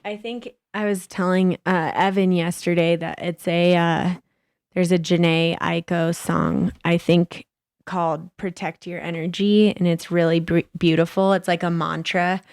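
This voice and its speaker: A lively woman in her thirties co-hosts a casual podcast and tells stories with plenty of swearing. She acts out the people she quotes, and her voice sits a little low for a woman. The sound is close and dry. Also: measured pace, vocal fry, clean tone, no room sound. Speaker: podcast co-host. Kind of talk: casual storytelling chat. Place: podcast studio.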